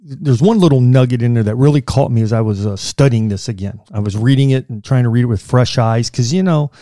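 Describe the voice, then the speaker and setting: Middle-aged male co-host, relaxed warm tone, conversational and easygoing. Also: mid-range voice, fairly quick, dry recording, studio quality. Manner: conversational, laughs easily, repeats words. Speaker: podcast co-host. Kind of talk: casual faith podcast chat.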